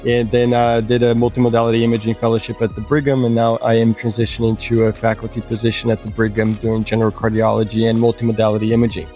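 A man's voice: mid-range voice, monotone, fast talker, hardly any pauses, dark tone, faint music behind. A man from Brazil, a cardiology doctor, introducing himself graciously. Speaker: cardiology faculty. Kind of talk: casual self-introduction.

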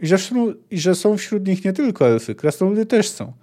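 A man's voice: sing-song, normal speed, warm tone. A man reading a book aloud and voicing a curious, stubborn young girl who is learning the sword. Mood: indignant. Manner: reading a book's dialogue aloud, raised pitch for the girl.

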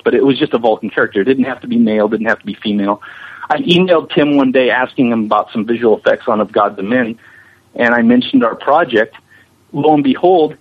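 The speaker is a male visual effects animator in an interview, relating stories in a casual, chatty, enthusiastic style. His voice is mid-range and slightly rough, and the audio is muffled and band-limited, as if over radio.

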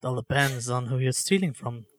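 A man's voice: medium pitch, fairly quick, natural voice. A man voicing a sly spider tempter who coaxes in a morally slippery way, in a tabletop game. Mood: sly coaxing. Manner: smooth-talking, morally slippery, coaxing.

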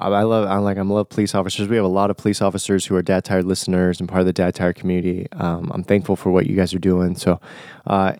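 Young man, nasal stuffed-up voice, lowish pitch, casual podcast host, informal slang, dry close recording. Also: a little mellow, no room sound. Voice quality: nasal, congested voice. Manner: informal, conversational, buddy-like slang. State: recovering from flu, stuffy nose. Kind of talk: casual solo podcast talk.

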